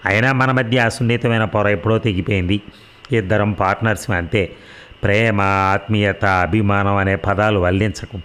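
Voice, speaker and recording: A man's voice: fairly low pitch, fairly even intonation, moderate pace, fairly bright tone, clear, resonant tone, lightly acted. A man voicing a proud, sarcastic rich young wife in a read-aloud story, mocking and defiant. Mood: bitter. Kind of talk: audio drama reading.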